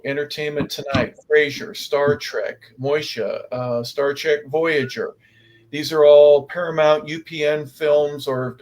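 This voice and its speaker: Eager radio host man, slightly high. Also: poor audio. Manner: enthusiastic, listing credits. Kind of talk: radio interview.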